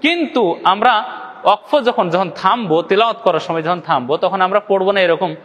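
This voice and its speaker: Talking fast to his viewers, the Bangladeshi instructor breaks Quran recitation into steps, questioning and answering himself and drawing out example syllables. His voice is high and a bit bright, trailed by long reverb.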